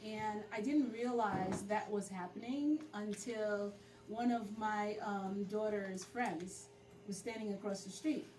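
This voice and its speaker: A woman's voice: mid-range voice, takes it slowly. A middle-aged woman born in Haiti, a community organizer, telling her story in an interview. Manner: storytelling, animated when quoting herself. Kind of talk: interview conversation. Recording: roomy, distant mic with background noise.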